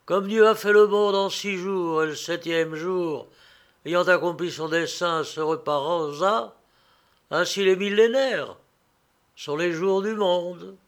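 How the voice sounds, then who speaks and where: Un homme qui lit une histoire et prête sa voix à un prieur, un moine sévère et exalté, sur un ton impérieux. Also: male voice, a little high, slow pace, vocal fry, a bit bright, full character voice. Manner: imperious, insistent. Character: stern, zealous male monk prior.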